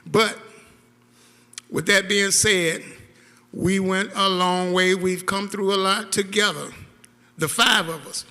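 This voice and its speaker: Man, high bright voice, emotional, halting, church hall reverb. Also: fairly even intonation. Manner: emotional, halting, laughing through tears. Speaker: caregiver giving a eulogy. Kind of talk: heartfelt memorial speech.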